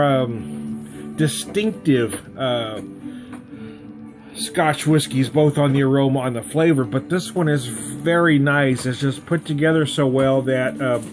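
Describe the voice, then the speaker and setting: A man giving a casual, rambling, jokey tasting review as a vlog host. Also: mid-range voice. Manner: jokey, rambling, chuckles at own asides.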